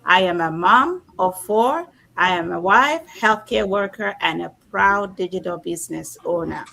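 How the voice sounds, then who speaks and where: Gravelly-voiced woman hosting a live stream. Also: fairly low pitch, slight background noise, rough recording. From Canada. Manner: relaxed, with fillers and pauses. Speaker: host of a live stream panel.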